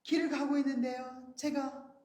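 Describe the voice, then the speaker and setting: A woman preaching a sermon, telling a story earnestly and rising high on her emphasized words. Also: fairly even intonation, normal speed, echoey room, background noise. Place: church sanctuary.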